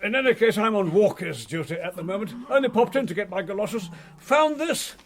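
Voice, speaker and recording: An actor playing a pompous, fussy English chief constable in a radio drama, hesitant and long-winded. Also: male voice, high voice, lively intonation, a little fast. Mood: fussy, grave.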